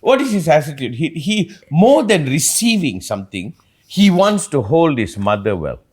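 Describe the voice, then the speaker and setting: A man hosting a reflective talk, an animated storyteller who acts out quotes as he rambles through his points. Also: a little high, normal speed, husky. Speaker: podcast host.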